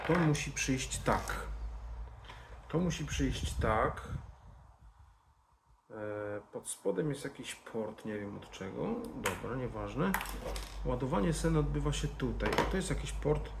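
In an indoor garage-bar lounge room full of echo and background noise, a man gives a casual, informal hands-on tutorial as a motorcycle vlogger. His medium-pitched, creaky voice has lively intonation, and he's unhurried, pausing often and muttering to himself while working.

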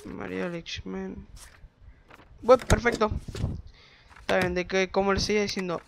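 A man giving casual, rambling game commentary from his bedroom, excitable and quick to swear. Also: high-pitched, noisy background. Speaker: gameplay commentator. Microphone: desk microphone.

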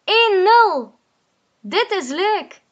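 A woman reading an eager, bouncy little boy, high voice, slow and clear, storybook tone. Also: big pitch swings, a bit bright, highs cut off, heavily acted. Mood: excited. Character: excited little boy who loves football.

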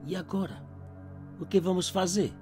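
A man's voice: high-pitched, fairly even intonation, normal speed, darkish tone, faint music behind, voice pushed up, close to an everyday voice. A man voicing his terrified young male friend, who asks frantic, pleading questions. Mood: scared.

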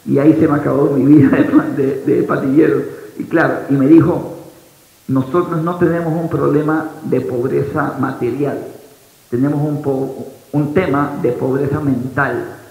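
A young man from Ecuador with an Ecuadorian Spanish accent, giving an energetic motivational talk on a large auditorium stage and questioning the audience. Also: medium pitch, moderate pace, creaky. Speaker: motivational speaker. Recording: roomy hall sound, dull lo-fi audio.

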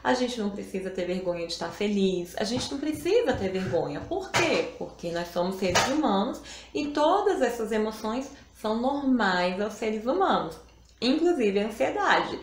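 A woman's voice: a little high, a little hiss or hum. A woman, hosting a live stream and talking about emotions in a casual, reflective way, often adding little tag questions. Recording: roomy echo.

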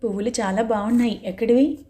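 A woman's voice: on the high side, steady tone, quick pace, warm tone, lightly acted. A woman voicing a shy young bride. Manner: shy, polite.

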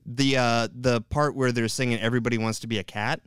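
A man's voice: mid-range voice, level tone, fairly quick, fairly bright tone, clear, resonant tone, no room sound. A young man co-hosting a podcast, chatting casually in a wry, teasing way and laughing easily, on a close mic. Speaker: podcast co-host. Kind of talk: casual banter.

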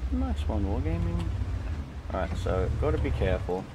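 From a small room at home, a Yorkshire-accented gaming streamer in his thirties gives chatty, jokey commentary on a tank game, singing and humming along. His mid-range voice swings hugely in pitch at a moderate pace, with game sound and background noise underneath.

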